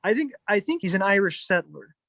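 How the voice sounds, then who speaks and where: Higher-voiced hesitant podcast man. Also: big pitch swings, brisk, gravelly, crowd noise. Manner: hesitant, many "um"s and "you know"s. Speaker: podcast co-host. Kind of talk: casual movie discussion.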